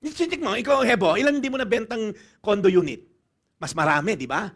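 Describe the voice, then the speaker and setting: A man's voice: high-pitched, a little fast. A middle-aged Filipino man preaching a sermon full of jokes, acting out little dialogues as he talks. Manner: animated, joking, acts out little dialogues. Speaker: pastor. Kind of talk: humorous sermon.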